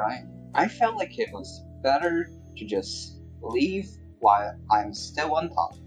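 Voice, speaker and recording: A player voicing a regretful retired male celebrity who stammers and hesitates. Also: medium pitch.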